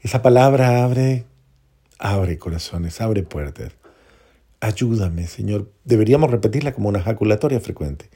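A man preaching a homily as a priest, earnest, repeating phrases for emphasis and dropping to soft prayerful tones. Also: lowish voice, animated, fairly quick.

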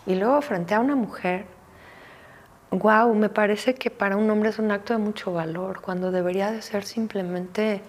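A woman's voice: mid-range voice, steady tone, moderate pace, a little hiss or hum. Mexican woman therapist talking casually. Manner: conversational, frequent "¿no?" tag questions. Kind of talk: informal talk on emotions.

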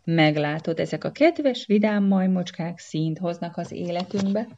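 A woman's voice: on the low side, a little hiss or hum, close to an everyday voice. A sunny, dreamy storybook woman who sees the best in everyone, her voice lifted and eager, as a woman narrator puts her on. The sound is dull and lo-fi. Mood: cheerful. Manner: bright, eager and hopeful. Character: cheerful, dreamy kind-hearted woman.

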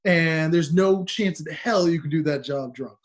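A man's voice: fairly high pitch, measured pace. A man co-hosting a podcast in casual comedic banter, opinionated and teasing. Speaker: podcast co-host.

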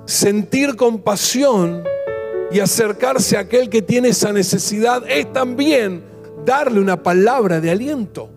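A man with an Argentine accent preaching a sermon as pastor. He fires off rhetorical questions and drops to hushed repetitions. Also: high-pitched, animated, unhurried, gravelly, music in the background.

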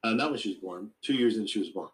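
A man's voice: lowish voice, lively intonation, fast, low-quality recording. A man hosting a podcast who rambles and asks questions in a casual chat. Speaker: podcast host.

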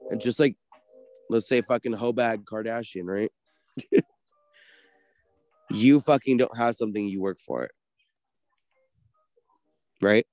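A man's voice: fairly low pitch, takes it slowly, long pauses, darkish tone. A man co-hosting a casual podcast, ranting in a heated, profane way. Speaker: podcast co-host.

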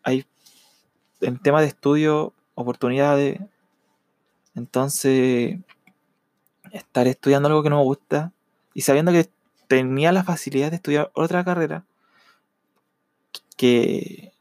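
A young man with a Chilean accent, a student telling his own story in a reflective, halting way with many fillers. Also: fairly high pitch, a little mellow, no room sound, studio quality. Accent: Chilean Spanish. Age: young adult. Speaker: university student. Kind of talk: personal testimony.

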